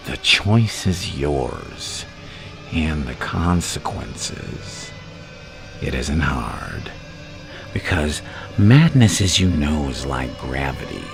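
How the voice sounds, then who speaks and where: The Joker, menacing, gravelly and swooping. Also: male voice, extremely low pitch, sing-song, music in the background, exaggerated voice. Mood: sinister, taunting. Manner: slow, theatrical, swooping emphasis. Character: menacing, taunting anarchic clown villain. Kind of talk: ASMR villain roleplay.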